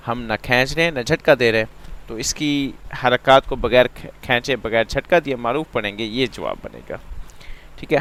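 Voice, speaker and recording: A man's voice: medium pitch, a bit bright. A man teaching Quran letter sounds in a patient lesson, repeating each sound and checking understanding, with some English phrases mixed in. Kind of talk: slow step-by-step lesson.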